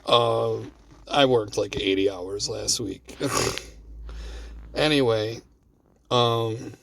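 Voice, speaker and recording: A gravelly, lowish male voice comes through a distant mic as this gambling strategy vlogger sits in his parked car discussing his play. His tone is relaxed, he swears frequently, and he calls his viewers bro.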